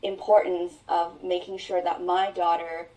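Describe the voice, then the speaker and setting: On a podcast, a woman whose mother tongue is Mandarin tells her life story in interview form. She sounds set back from the mic, her voice low, mellow and level, and she speaks with earnest reflection, lengthening her phrases.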